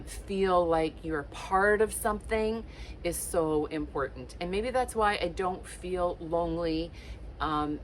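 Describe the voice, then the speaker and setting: Her voice sits low, and the low-quality recording has slight background noise. This Portugal-born woman in her late fifties is a lifestyle vlogger, chatting warmly and encouragingly to camera with many ums and likes.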